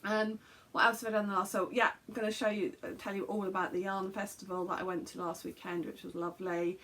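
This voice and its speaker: A knitting podcast host, an English woman in her fifties, rambles casually to a camera in her small bedroom craft room, with frequent fillers and self-corrections. Her medium-pitched, fairly bright voice comes out flat and fast, with slight background noise behind it.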